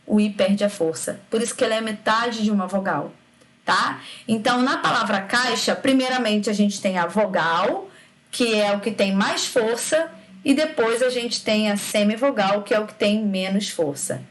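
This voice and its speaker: A woman teaching a recorded grammar lesson, lively, stretching syllables out to demonstrate sounds and checking in with her students often. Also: medium pitch, normal speed.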